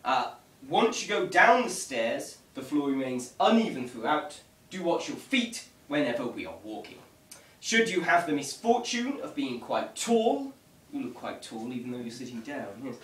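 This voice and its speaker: Bright-toned and mid-range, the man's voice swings widely in pitch at a normal pace. He's a ghost tour guide leading a vigil, giving the group a casual briefing in a dry, wry, slightly mock-formal way. The sound is echoey and faintly noisy, recorded indoors on a distant camera mic.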